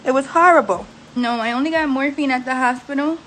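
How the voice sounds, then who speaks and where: A woman's voice: high voice, a little fast, fairly bright tone, slight background noise, low-quality recording. A young woman vlogging from a recovery house bedroom after surgery, venting bluntly and with swearing about her care, aggravated and worn. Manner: blunt, profane, exasperated venting. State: post-surgery, frustrated and aggravated. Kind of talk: venting to camera.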